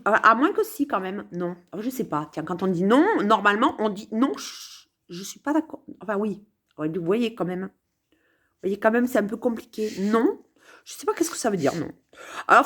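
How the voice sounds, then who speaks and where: A woman musing playfully to camera from her sofa at home, meandering with many hesitations and repeated words. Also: on the high side. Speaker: vlogger. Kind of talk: rambling casual musing to camera.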